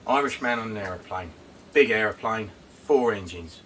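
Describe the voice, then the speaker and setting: With a lowish, slightly bright voice at a moderate pace, this southern English man co-hosts a casual vlog chat outside in the wind. He rambles informally with some hesitation, and the windy outdoor mic leaves the audio noisy and distant.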